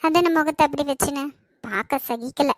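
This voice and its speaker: A stern, bossy older mother-in-law in a cartoon, barking orders in a Kanyakumari Tamil accent. The voice sits high and thin. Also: fairly quick, no echo, clean studio sound. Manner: bossy, scolding. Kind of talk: cartoon voice acting.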